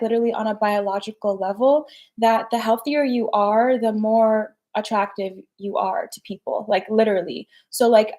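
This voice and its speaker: A woman's voice: on the high side, a little mellow. A young woman hosting a casual live stream, chatty and slangy, peppering her talk with "like" and "right?". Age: young adult. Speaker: personal development host.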